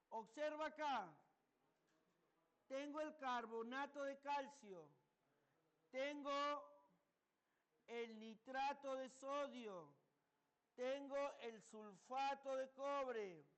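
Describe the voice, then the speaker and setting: A male chemistry teacher lecturing a class, asking students questions and answering them himself. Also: extremely high pitch.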